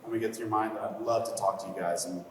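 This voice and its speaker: A man's voice: lowish voice, steady tone, rapid-fire, recorded from a distance. A man moderating a convention panel, upbeat and enthusiastic, laughing often. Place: large convention hall. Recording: echoey hall audio from afar, faint noise.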